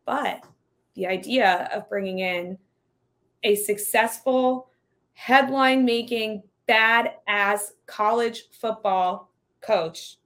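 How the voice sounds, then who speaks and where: A woman's voice: medium pitch, takes it slowly, fairly bright tone. Upbeat chatty woman co-host. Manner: upbeat, chatty, laughs often. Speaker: podcast co-host. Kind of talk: casual sports betting chat.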